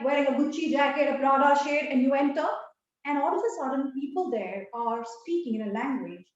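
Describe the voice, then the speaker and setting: Indian lady prof lecturing a class, high voice, heard from far back in a boomy room. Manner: firm, emphatic, mixes in Hindi phrases. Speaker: professor. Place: large classroom. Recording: dull, echoey classroom from far off.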